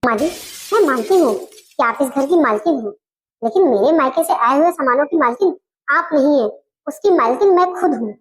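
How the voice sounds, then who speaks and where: A woman doing a young wife who won't back down. Her voice sits very high and rings out firm and indignant as she scolds her in-laws. She delivers it like a family comedy skit. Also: lively intonation, moderate pace. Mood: defiant.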